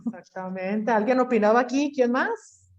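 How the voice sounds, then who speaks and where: A woman's voice: fairly high pitch, normal speed, darkish tone, muffled recording. A woman teacher, lecturing an online class over a video call and quizzing her students with everyday examples.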